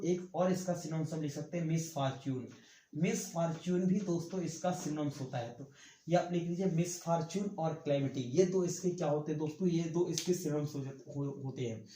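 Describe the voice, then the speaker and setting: A man's voice: a little high, warm tone, reverberant, poor audio. A male English vocabulary teacher giving an online exam-prep lesson. He writes on a board as he talks, repeats each word and keeps calling the listeners "friends". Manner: talks while writing on a board.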